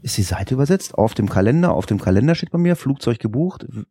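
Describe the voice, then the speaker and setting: A man from Germany hosting a casual podcast, talking quickly and tripping over his words. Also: medium pitch, big pitch swings, dark tone, slightly rough, no echo, clean studio sound. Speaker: podcast host.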